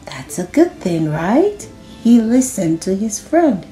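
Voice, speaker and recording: A woman reads aloud to young listeners, animated and encouraging, speaking right to them and pausing for little check-in questions. Her medium-pitched voice takes it slowly, with faint music playing behind.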